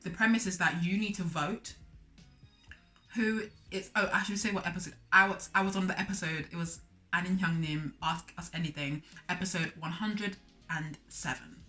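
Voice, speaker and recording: A young woman vlogger telling a story in an animated, chatty way, full of "like" and acted-out voices. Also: fairly low pitch, moderate pace. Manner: chatty, dramatic, acts out voices, lots of "like". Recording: faint music bed behind.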